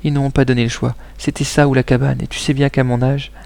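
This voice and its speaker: A man's voice: medium pitch, flat delivery, quick pace, gravelly, darkish tone, close to an everyday voice. A man reading an audiobook gives voice to a nervous, aging female informant who talks anxiously and apologetically. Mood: pleading. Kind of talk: audiobook character voice.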